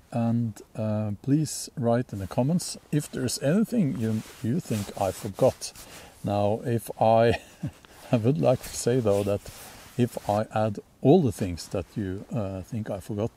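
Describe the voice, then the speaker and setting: A Norwegian bushcraft channel host with a Norwegian accent and a fairly low voice talks casually about gear outdoors in a sunny forest clearing. He's relaxed and rambling, full of ums and restarts.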